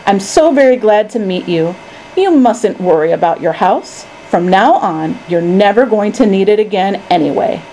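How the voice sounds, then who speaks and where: A woman voicing an eccentric, excitable male candy maker from a storybook, emphatic and commanding. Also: medium pitch, moderate pace, a little hiss or hum, natural voice, rough recording. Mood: cheerful.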